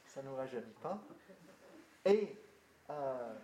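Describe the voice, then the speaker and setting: An older British pastor with a British accent speaks casually in French to a group, hesitating often with fillers and restarts. His medium-pitched voice is expressive and dark-toned, and he talks slowly. The room is echoey with faint noise.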